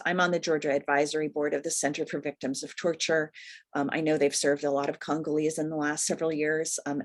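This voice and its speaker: A woman professor giving a measured, careful academic presentation over a video call. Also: sits low.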